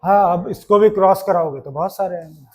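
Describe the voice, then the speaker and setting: एक पुरुष शिक्षक कक्षा में छात्रों को पढ़ा रहा है, बार-बार सवाल पूछता है और मज़ाक में छेड़ता है।. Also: male voice, high-pitched, brisk, a little mellow. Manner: chatty, keeps asking questions, teasing. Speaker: teacher. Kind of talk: classroom lesson to students. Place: classroom.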